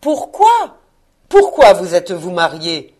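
A woman voicing a stern, miserly old man who answers in clipped, gruff phrases. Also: medium pitch, very animated, normal speed. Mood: curt.

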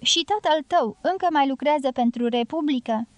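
A woman reading an audiobook, voicing a loud, blunt, domineering middle-aged guerrilla woman in a raised, forceful voice. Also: sits high, dry recording, lightly acted. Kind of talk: audiobook character voice.

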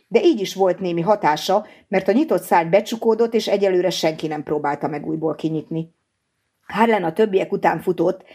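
A woman narrating a translated thriller as an audiobook, in a steady, measured way. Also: lowish voice, breathy edge. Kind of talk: scripted narration.

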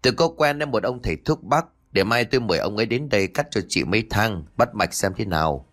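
A man voicing a sharp-tongued village mother-in-law who curses in long shrill tirades. Each line carries her sharp, scolding bite. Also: expressive, fast. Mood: curt.

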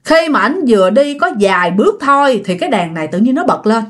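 A woman's voice: on the high side, sing-song, fairly quick, a bit bright. A woman with a Southern Vietnamese accent narrating ghost stories in a chatty, casual manner, often speaking straight to her listeners. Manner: chatty, addresses listeners directly. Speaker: storyteller.

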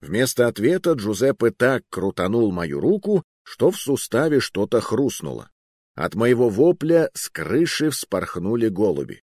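A man narrating a first-person adventure audiobook with expressive, lively storytelling. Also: fairly low pitch, a little slow, no room sound, studio quality.

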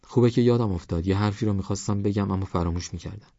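A man's voice: fairly low pitch, warm tone, no room sound, dull audio, natural voice. A man voicing a caring, protective old village grandmother in an audiobook, talking in a fussing, cautioning way. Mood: tender.

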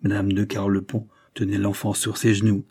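A man narrating a novel as an audiobook in a measured, expressive way. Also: on the low side, husky, dry recording. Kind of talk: literary audiobook reading.

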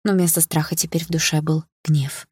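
A woman narrating an audiobook in the first person, calm and steady. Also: low voice, fairly quick, slightly rough, dry recording, clean studio sound.

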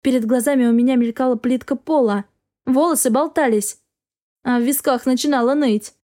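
A woman's voice: sits high, steady tone, normal speed, dark tone. A woman narrating a first-person story as an audiobook reader, with an intense, dramatic delivery.

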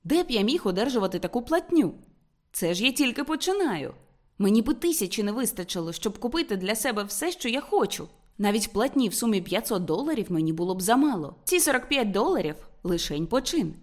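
A woman's voice: on the high side, very animated, fairly quick, darkish tone. A woman reading as an earnest young working man. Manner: plain, earnest, matter-of-fact. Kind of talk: audiobook character reading.

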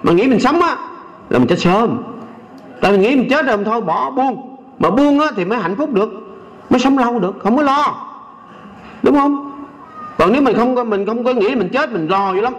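An older man with a Southern Vietnamese accent, a Buddhist monk giving a folksy Dharma talk who keeps asking the audience "right?" and slows down to recite and sing verses. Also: very high voice, animated, poor audio.

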